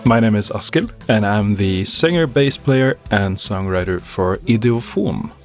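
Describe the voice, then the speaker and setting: A man with a Norwegian accent recalls recording sessions with his band in a relaxed interview. His voice is low and friendly. Faint music sits behind the talk. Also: unhurried. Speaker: singer, bassist and songwriter.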